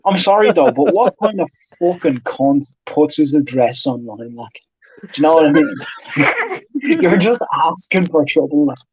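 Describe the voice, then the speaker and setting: A man's voice: a little high, very animated, a little slow, muffled recording, background noise. A man in casual stream chat who swears constantly, jokes and laughs a lot. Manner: profane, joking, laughs often.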